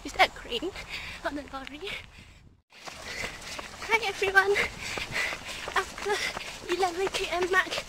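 A young woman chatting casually in short, excitable phrases, out of breath as she runs and records a vlog on her phone. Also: extremely high pitch, unhurried, long pauses. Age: young adult. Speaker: vlogger running a race. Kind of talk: casual running vlog chat. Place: outdoors on a night race route. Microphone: phone at arm's length. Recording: noisy outdoor phone recording on the move. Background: clear outdoor ambient noise.

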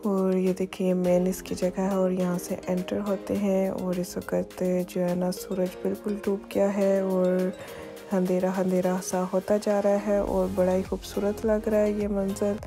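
A woman's voice: mid-range voice, completely flat delivery, a little slow, music in the background. Chatty woman vlogger on an evening walk. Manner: chatty, repeats "ye dekhiye" while pointing things out. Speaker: travel vlogger. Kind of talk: casual walking-tour narration. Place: outdoors on city streets at dusk.

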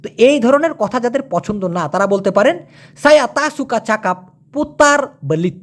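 A man teaching a casual language lesson, chatty and joking, stretching out example words slowly. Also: very high voice, lively intonation.

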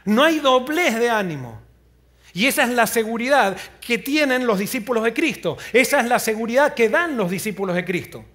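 A man preaching a sermon as pastor, retelling a story earnestly and often dropping to a low, quiet voice. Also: lively intonation, normal speed. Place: church.

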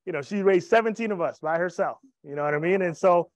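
A man in his thirties with a high voice speaks quickly, delivering an upbeat, joking sales presentation on stage at an event room. He holds a handheld mic and tells personal stories to the live audience, and the recording is dry.

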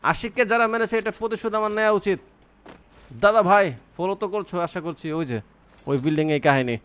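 A man's voice: high voice, fairly quick, a bit bright, smooth. A young man giving casual, playful commentary while playing a mobile shooter, teasing his opponents and coaching his teammates. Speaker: mobile game streamer.

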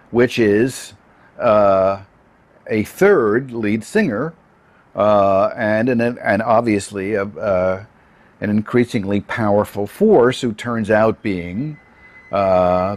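Slow, lively-pitched man analyzing music. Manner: deliberate, with hesitations. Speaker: music commentator. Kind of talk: interview commentary.

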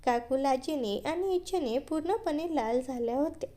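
A woman narrating a scripted story in a steady, even read-aloud delivery. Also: high voice, normal speed.

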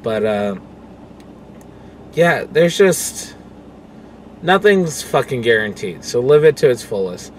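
A young vlogger and pro wrestler talks slowly, with long pauses, in a medium-pitched voice as he drives. He's rambling, candid and foul-mouthed, filmed by a phone on the dashboard amid steady road and engine noise.

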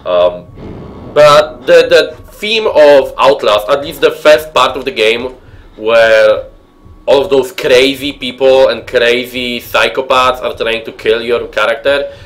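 A young Polish man with a mid-range voice talks slowly in a slightly bright tone, captured on a low-quality recording. He streams a horror game from a room at home, chatting with viewers and muttering nervously as he plays.

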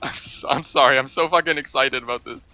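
A man doing excitable gameplay commentary, swearing freely and breaking into squealing laughs. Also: mid-range voice, fast, no echo, dull audio, soft background music. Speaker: gaming video creator.

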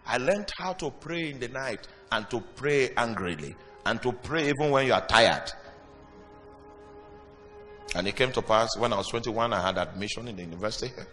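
A man preaching a sermon with dramatic pauses and sudden loud bursts. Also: mid-range voice, animated. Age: young adult or older. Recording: reverberant hall with music behind.

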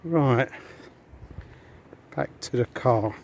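Extremely slow and gravelly, a mid-range male voice rambles chattily to viewers in a casual walking vlog. He's on a beach passing hotels, shooting with a handheld camera outdoors, and faint outdoor noise can be heard.

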